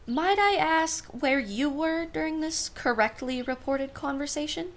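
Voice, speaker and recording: A woman's voice: high-pitched, unhurried. A woman playing a genteel society aunt in a radio play, speaking with arch formality and dry irony. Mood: wry, arch. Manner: arch, formal, dryly ironic. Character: wry, genteel society aunt, privately exasperated.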